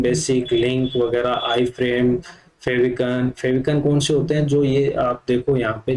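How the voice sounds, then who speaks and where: This is a live coding lesson where a man types and explains each step of a computer class, dropping fillers often. His medium-pitched voice has a darkish tone, and the audio quality is poor.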